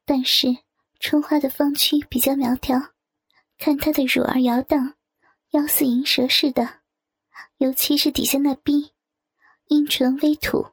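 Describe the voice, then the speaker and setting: A woman narrating an adult story in a soft, sometimes whispered reading voice. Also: high-pitched, little pitch movement, a little slow, pauses often, dry recording. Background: soft guitar music.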